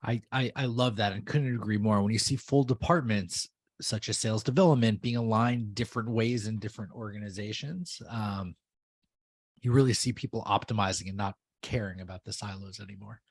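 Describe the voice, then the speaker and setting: A man's voice: lowish voice, fairly quick, husky, dry recording, clean studio sound. A man hosting an interview podcast, friendly and upbeat, often repeating a word as he starts a sentence. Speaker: podcast host.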